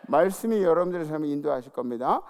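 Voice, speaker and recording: A middle-aged man preaching a sermon as senior pastor, calling out to the congregation and dropping into soft asides. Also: quick pace. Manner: lively preaching, calls for audience response; drops to soft, low asides. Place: church sanctuary.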